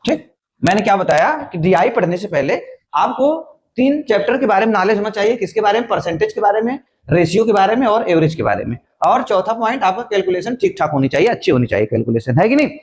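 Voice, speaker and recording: High-voiced man teaching a maths lesson. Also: big pitch swings, fast. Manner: repetitive, asks and answers own questions. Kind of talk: exam-prep maths lesson.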